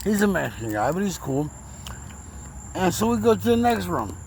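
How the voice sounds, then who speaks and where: A man's voice: high voice, big pitch swings, moderate pace, a little hiss or hum, low-quality recording. A man telling his own story in a rambling, emotional way, his speech slurred after a recent stroke. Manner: rambling, repeats words, emotional. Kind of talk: casual personal storytelling.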